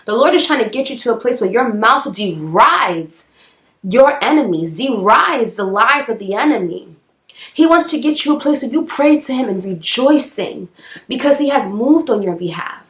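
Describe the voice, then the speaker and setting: A woman's voice: on the high side, animated, moderate pace, fairly bright tone. A woman preaching a devotional message, emphatic and repeating her declarations for emphasis. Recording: echoey room.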